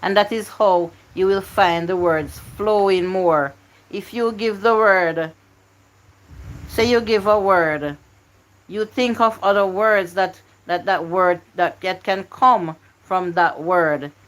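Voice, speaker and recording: This is a woman running a word game on her live stream. She talks slowly, with a mid-range voice, and coaxes and pleads with her viewers to type in their answers. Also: mid-range voice, poor audio.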